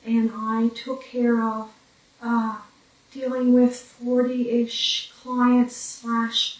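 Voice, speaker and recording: Slow, halting woman in her forties. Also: fairly high pitch, distant mic. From Newfoundland, Canada. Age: 40s. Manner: slow, halting, with pauses and fillers. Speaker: brain injury survivor telling her story. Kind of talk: documentary interview. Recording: echoey room, voice from off-mic.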